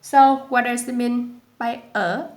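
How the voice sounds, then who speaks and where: A woman with a Vietnamese accent teaching a pronunciation lesson, slow and careful, repeating each sound aloud. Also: a little high, steady tone, reverberant. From southern Vietnam. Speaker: language teacher.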